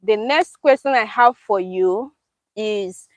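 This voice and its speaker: A woman's voice: mid-range voice, slow, dry recording, rough recording. A young woman hosting a casual live-stream chat in a park, upbeat and laughing often. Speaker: YouTube host. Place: outdoors in a park.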